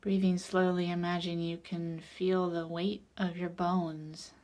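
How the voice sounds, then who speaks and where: With a soft, lowish voice, a woman calmly talks listeners through a guided meditation. Her pace is unhurried and soothing, and her phrases trail off breathily.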